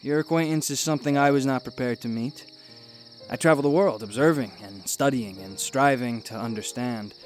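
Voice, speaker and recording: A man playing a mysterious, cultured scientist in a radio drama, speaking in a measured, formal way. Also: mid-range voice, lightly acted. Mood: self-assured. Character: mysterious, cultured male scientist who is invisible.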